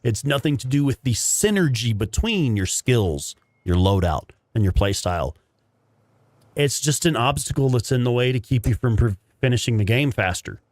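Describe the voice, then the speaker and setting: A man's voice: medium pitch, sing-song, normal speed, a little mellow, no room sound. A man hosting a gaming livestream with casual, rambling commentary and some swearing. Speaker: livestream host playing a video game.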